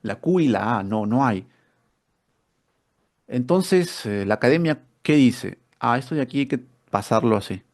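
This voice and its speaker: A man's voice: mid-range voice, lively intonation, measured pace. A man teaching an online spelling workshop, explaining step by step with rhetorical questions and repeated words.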